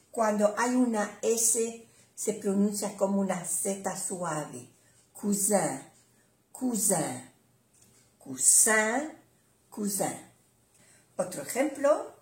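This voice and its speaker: An older woman speaks very slowly and patiently, saying each word again and again as she teaches. Her voice sits at an ordinary middle pitch. The recording has a noticeable room echo. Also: darkish tone. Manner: patient, repeats each word several times. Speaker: language teacher. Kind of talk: slow, repetitive teaching. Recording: echoey room.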